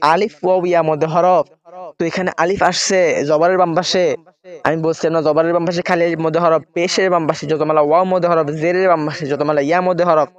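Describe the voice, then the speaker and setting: A man's voice: a little high, lo-fi sound. A man teaching Quran reading step by step, spelling out letters and vowel marks and often checking in with his listeners.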